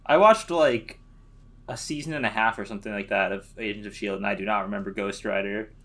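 A man's voice: fairly low pitch, brisk, a bit bright. A man co-hosting a podcast in casual chat, laid-back, with hesitant fillers and casual swearing. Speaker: podcast co-host.

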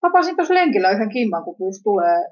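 A woman's voice: medium pitch, very animated, lo-fi sound. A woman reading the lines of a restless, evasive young man in offhand slangy speech. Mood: casual.

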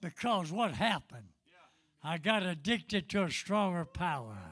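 A man's voice: high-pitched, expressive, a little slow, fairly bright tone, husky, no echo. An elderly man preaching a fervent Pentecostal-style sermon in an emphatic, repetitive, folksy way. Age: 70s or older.

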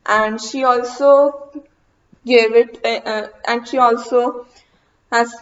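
A woman's voice: fairly high pitch, fairly even intonation, slow pace. A young woman hosting her own podcast, talking casually with many fillers, restarts and hesitations. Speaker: podcast host. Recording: dull lo-fi recording.

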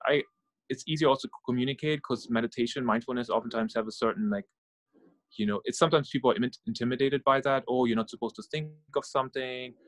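A middle-aged man from Norway and Germany, a guest on an interview, thinking aloud in a relaxed way with many fillers and soft sighs. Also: mid-range voice, fast talker, dry recording. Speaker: guest, startup founder and meditation guide. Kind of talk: casual interview conversation.

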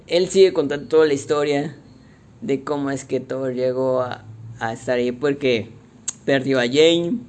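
A young man with a Mexican accent, casually recapping a movie in slangy, animated talk and acting out the quotes. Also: medium pitch, moderate pace. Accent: Mexican Spanish.

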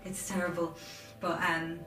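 Casual interview guest: woman, 20s, Durham accent, slightly low voice, roomy distant recording over clear music. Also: level tone, measured pace. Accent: Durham, north-east English. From Durham, England. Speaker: interview guest, aspiring film and TV editor.

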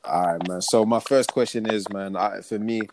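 A man's voice: fairly low pitch, steady tone, normal speed, background noise. A man hosting a podcast in casual, chatty slang. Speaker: podcast host. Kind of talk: casual chat.

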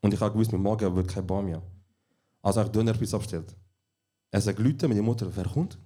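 A young man with a Swiss German accent co-hosts a podcast recorded live, telling his stories in a laid-back, dry way. His voice is low, mellow and a touch husky. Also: fast talker. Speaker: podcast co-host. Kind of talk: casual chat recorded live. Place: small venue, live recording.

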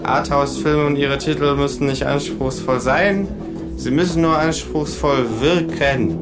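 A man doing a smug deadpan kangaroo. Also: fairly high pitch, measured pace, over loud music, voice pushed up, lightly acted. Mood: dry, lecturing. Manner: dry, lecturing, deadpan. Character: smug know-it-all male kangaroo. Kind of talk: comic audiobook reading.

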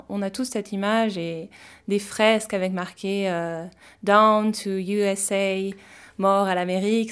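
A woman podcast reporter introducing her segment, chatty and often hesitating. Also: mid-range voice. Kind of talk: casual podcast narration.

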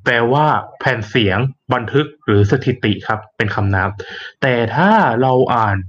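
A man's voice: mid-range voice, normal speed, a bit bright, muffled recording. Patient male explainer. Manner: clear and patient, spells out the pronunciation. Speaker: explainer giving the answer. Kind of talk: explanatory narration.

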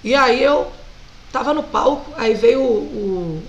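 Brazilian woman singer, Brazilian accent, a touch high-pitched; lively guest recounting her early career. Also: slow, creaky, dull audio. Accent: Brazilian Portuguese. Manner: animated, laughs often while telling stories. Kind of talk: casual storytelling interview.

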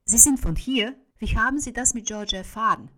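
A woman voicing a calm, self-assured middle-aged husband who speaks in a measured way. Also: high voice, pitched above the performer's own voice. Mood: composed.

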